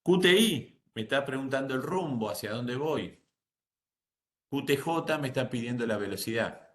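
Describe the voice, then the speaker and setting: A man's voice: mid-range voice, moderate pace. A middle-aged man lecturing a boating class, explaining patiently and often checking in with his listeners. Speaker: nautical course instructor. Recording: roomy echo.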